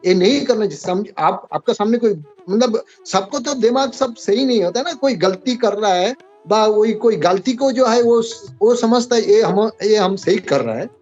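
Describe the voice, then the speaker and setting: Guy in an online class, high-pitched, stops and starts, faint music behind. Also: lively intonation, darkish tone, muffled recording. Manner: halting, acts out example remarks. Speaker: class participant.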